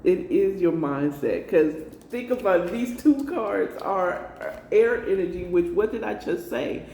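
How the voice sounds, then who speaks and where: In an unhurried yet animated manner, a woman with a lowish, mellow voice gives a laid-back tarot reading; she is American. Her style is emphatic coaxing, repetition, and many check-in tags. The sound is roomy, with a distant mic and a little noise.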